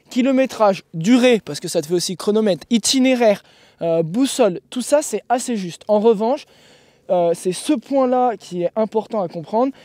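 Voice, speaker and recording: A man's voice: sits high, warm tone, no echo. A man who coaches endurance sport, explaining gear in a blunt, laughing, casual podcast chat.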